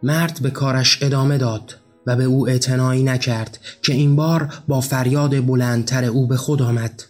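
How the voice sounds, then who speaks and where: A man reads a literary story aloud in a measured, somber voice of ordinary pitch. Soft music plays faintly under his narration. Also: fairly even intonation.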